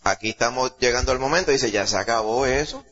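Emphatic Puerto Rican preacher man. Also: quick pace. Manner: emphatic, rises to loud exclamations and drops low, asks the congregation questions. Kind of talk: sermon. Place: church service before a congregation. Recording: dull lo-fi recording.

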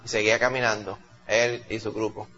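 A man's voice: lowish voice, level tone, fairly quick, pushed and bright. A man preaching a sermon, telling the story dramatically and building up to emphatic peaks. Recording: dull lo-fi recording.

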